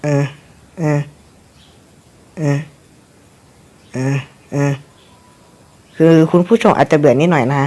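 A man's voice: fairly high pitch, takes it slowly, long pauses, darkish tone, slightly rough. A young man casually commentating his own gameplay, rambling and cursing at the game with frequent chuckles.

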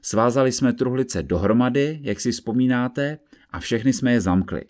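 A man voicing a calm, reasoning investigator. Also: mid-range voice, lightly acted. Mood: measured. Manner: calm, methodical, explaining. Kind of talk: audiobook character reading.

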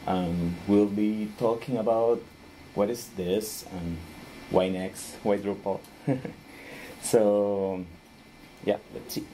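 A man in his thirties from Rica, speaking English, giving a friendly conference talk with frequent small laughs and pauses while he searches for words. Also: on the low side, steady tone, mellow, a little hiss or hum, low-quality recording. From Costa Rica.

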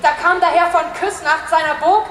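A woman playing a worried middle-aged farmer husband in an amateur reading of a verse play, hushed and brooding with slips into giggles. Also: extremely high pitch, steady tone, normal speed, reverberant, long reverb tail. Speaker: amateur actor. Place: room at home.

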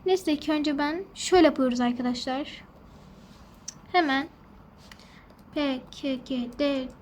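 A woman's voice: high-pitched, unhurried, darkish tone, a little hiss or hum. A woman hosting a gaming channel, talking to her viewers in a fretful, rambling way as she plays. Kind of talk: casual gameplay commentary.

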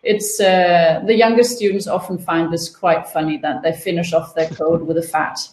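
A woman in her thirties runs an online coding webinar from a room at home through her laptop webcam, explaining steps in a relaxed manner with playful comparisons. Her voice is lowish at a normal speed, and the recording has a roomy echo.

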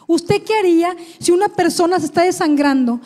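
High-voiced woman giving fervent testimony. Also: a little fast, a little mellow. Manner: fervent, prays aloud, addresses listener as "hermano". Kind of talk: emotional personal testimony.

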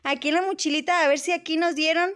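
A Mexican woman hosting gameplay for small children in a bright, squeaky, sing-song manner. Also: fairly even intonation, fast. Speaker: host of a children's gaming channel.

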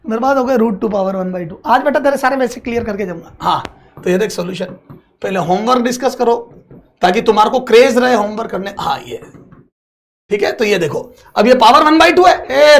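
High-voiced fatherly math teacher, scolding. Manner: scolding, fatherly, addresses students as "beta"; motivational pep talk mixed with math. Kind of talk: exam-prep math lesson.

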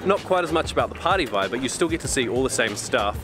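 A man's voice: medium pitch, animated, fast talker. A man, vlogging casually and guiding a boat tour in an upbeat, chatty way. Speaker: travel vlogger. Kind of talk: casual vlog narration. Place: outdoors on a marina dock and aboard a boat. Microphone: camera-mounted mic, selfie framing. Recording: music clearly audible behind. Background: music playing.

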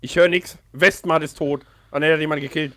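A man chatting casually while playing a team shooter game, excitable and urgent, swearing often. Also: fairly high pitch, quick pace, dry recording. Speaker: gamer. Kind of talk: casual gaming chat.

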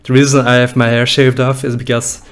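Joking, laughing and swearing loosely, a young Belgian YouTuber with a Dutch-speaking accent gives reaction commentary on his old videos. He talks fairly quickly at medium pitch with a flat delivery, using a desk boom mic and headphones in a small room.

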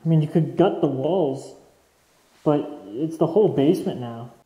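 In echoey, empty rooms, a young man from Canada narrates his exploration of an abandoned mansion basement at an ordinary pace. His voice sits fairly high and sounds mellow. He's an urban explorer host giving chatty, casual commentary and addressing his viewers as "guys."

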